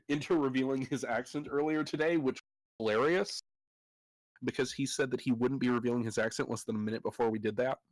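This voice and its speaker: A man running a tabletop game as game master, laughing often and explaining things quickly. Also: medium pitch, no echo, poor audio.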